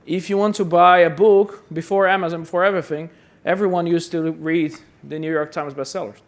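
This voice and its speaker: The voice belongs to a Brazilian man, a little high and brisk, with fairly even intonation. He gives a conversational, self-deprecating conference talk in a hall, frequently saying words twice as he goes.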